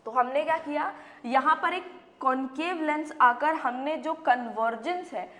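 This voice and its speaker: A woman's voice: high voice, measured pace, pushed and bright, in a large hall. A woman teacher with an Indian accent, giving a classroom science lecture in a questioning, coaxing manner. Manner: asks questions and answers them herself, calls students beta.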